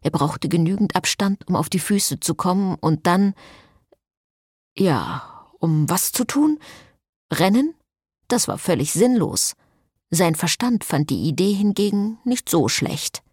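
Woman reading an audiobook, low voice, wry and lively, dry close sound. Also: unhurried, slightly rough, no room sound. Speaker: audiobook narrator. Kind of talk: scripted narration.

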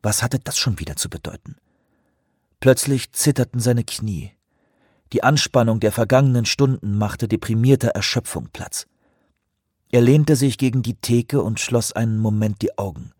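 A man reading a novel aloud in a steady, measured narration. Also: mid-range voice, no room sound, clean studio sound. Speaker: audiobook narrator.

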